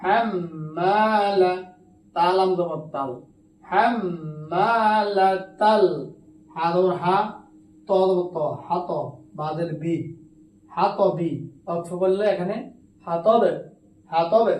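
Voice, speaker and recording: A man with a Bangladeshi Bengali accent teaching Quran reading, spelling out letters and vowel marks slowly in a drawn-out, melodic way. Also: sits high, a little mellow, a little hiss or hum. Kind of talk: spelling-out recitation lesson. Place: madrasa classroom. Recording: echoey room, mic at a distance, faint background ambience.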